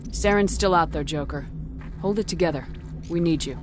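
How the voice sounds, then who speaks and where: Sci-fi game lead: resolute female military commander woman acting, lowish voice, music behind. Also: moderate pace, lightly acted. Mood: firm, steadying.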